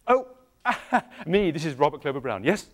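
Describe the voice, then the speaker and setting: A man's voice: a little high, unhurried, noisy background. A middle-aged English man, an actor, leading an interactive show for children and asking them questions while wearing a clip-on mic. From England. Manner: animated, questioning, playful with the audience. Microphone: clip-on microphone.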